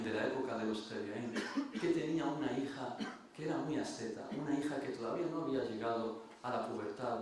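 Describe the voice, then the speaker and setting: A man's voice: mid-range voice, a little mellow, slight background noise. A man giving a religious lecture, telling stories earnestly and often repeating or restarting phrases. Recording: very echoey room, mic far off.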